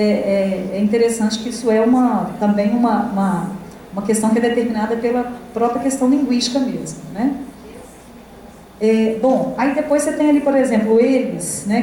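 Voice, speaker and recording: A woman's voice: fairly high pitch, dark tone. A middle-aged Brazilian woman giving a university lecture to teachers, talking casually with frequent tag questions and fillers. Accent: Brazilian Portuguese. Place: lecture hall. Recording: echoey hall, distant, faint noise.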